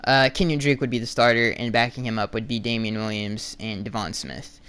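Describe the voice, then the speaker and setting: A young man hosting a casual solo podcast, answering fan questions bluntly with lots of restarts, his voice going hoarse. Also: mid-range voice, steady tone, a little fast, fairly bright tone. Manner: rambling, restarts and fillers, blunt opinions. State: losing his voice.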